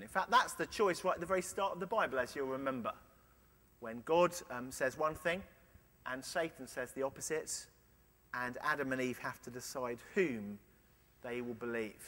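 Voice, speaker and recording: A man preaching a sermon, earnest, with playful illustrations and quiet emphasis. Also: mid-range voice. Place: large church. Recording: long church reverb.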